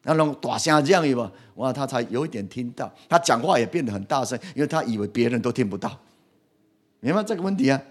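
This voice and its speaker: Middle-aged guy with giving a sermon, gets loud then quiet, keeps asking the room stuff. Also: medium pitch, fast talker, slightly rough. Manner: lively, asks the congregation questions, animated swings in loudness. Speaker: pastor.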